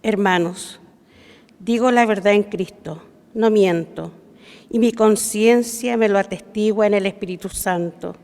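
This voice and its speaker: A woman's voice: medium pitch, a little slow, a little mellow. Woman reading scripture in long reverb. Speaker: lector at Mass. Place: large church.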